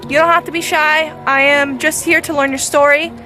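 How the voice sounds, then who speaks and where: A woman's voice: sits high, steady tone, moderate pace, over music. A young woman in a casual, chatty ghost-hunting vlog, talking directly to spirits and to her viewers. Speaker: paranormal vlogger.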